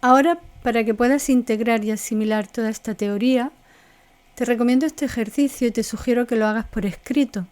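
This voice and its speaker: A woman coach teaches an online course with a slightly high, warm, mellow voice. She explains patiently, breaking ideas into short, listed phrases. The sound is dry and close. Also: fairly quick, no room sound. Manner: didactic, lists items in short paced phrases; acts out example tones of voice. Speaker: NLP coaching instructor.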